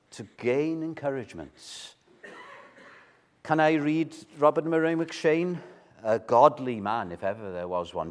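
A man preaches into a pulpit microphone in an unhurried, deliberate way. His voice sits at an ordinary middle pitch. It builds to loud, earnest emphasis and then sinks almost to a murmur. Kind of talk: evening sermon.

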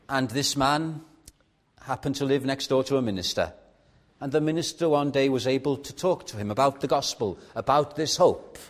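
This medium-pitched man preaches in a measured manner, his Welsh accent reflecting that he is a native Welsh speaker from Wales. Throughout the sermon he asks his congregation rhetorical questions.

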